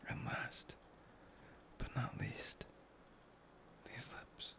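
A man voicing a possessive, obsessive young man in a whispered audio roleplay, murmuring slowly and breathily. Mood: adoring. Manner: murmuring, intimate, slow and breathy.

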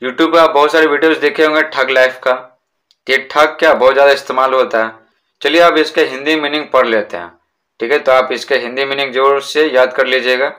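A man with a bright, forceful voice explains a lesson in Hindi. He reads words slowly, asks the class questions and answers them himself. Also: mid-range voice, fairly even intonation. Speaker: teacher.

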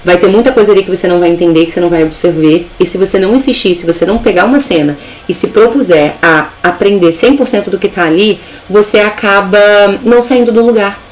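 A woman's voice: mid-range voice, fast, hardly any pauses, poor audio. A woman with a Brazilian Portuguese accent teaching a live online English lesson, upbeat and explaining step by step.

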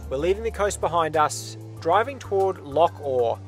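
A man's voice: a little high, lively intonation, normal speed. A man giving upbeat, scripted voice-over narration for a road-trip travel vlog. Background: music.

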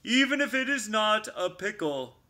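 A man voicing a gruff, pompous male bear in a children's storybook reading, booming and stern. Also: big pitch swings, moderate pace, sharp tone, exaggerated voice. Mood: proud.

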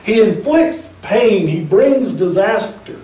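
A pastor giving a sermon with emphatic, conversational preaching and speculative asides. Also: male voice, sits high, lively intonation, takes it slowly, mellow, roomy sound, recorded from a distance, poor audio.

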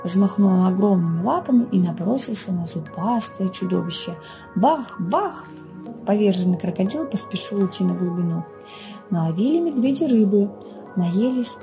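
A woman reading a children's fairy tale aloud in a gentle, expressive storytelling way. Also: medium pitch, a little fast, over music. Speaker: children's librarian reader.

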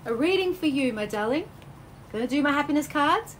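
A woman hosting a live stream as a psychic medium, reading out viewer comments with bubbly, effusive energy that swings between high exclamations and low soothing tones. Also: animated, fairly quick, a little hiss or hum. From Australia.

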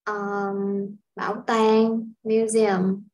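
A woman from Vietnam teaching a casual language lesson, explaining step by step in an unhurried way with frequent filler sounds. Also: medium pitch, level tone, a little mellow, highs cut off. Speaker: English teacher.

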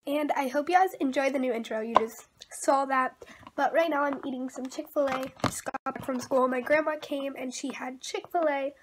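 A thirteen-year-old girl rambles casually through a home vlog indoors, her voice sitting high at a moderate pace. The camera is at arm's length or propped nearby, and the handheld recording is noisy.

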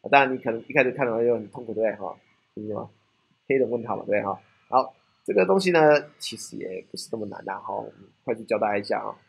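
Gravelly Taiwanese Mandarin lecturer. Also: male voice, lowish voice, animated, very fast. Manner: keeps asking rhetorical questions, tagging lines with "right?". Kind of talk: technical classroom lecture.

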